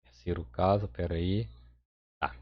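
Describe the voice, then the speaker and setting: Guy explaining hebrew grammar slow and patient, keeps asking "got it?", bit muffled audio. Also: low-pitched, fairly even intonation. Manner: patient, repeats points with frequent "tá?" checks. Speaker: Hebrew teacher. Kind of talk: explanatory lesson. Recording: slightly dull lo-fi audio.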